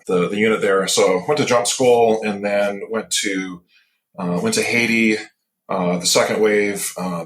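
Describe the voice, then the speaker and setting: A man in his fifties from Michigan, a podcast guest telling stories in a reflective way and often pausing to find his words. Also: lowish voice, fairly bright tone. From Michigan, USA. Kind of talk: casual interview. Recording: roomy echo.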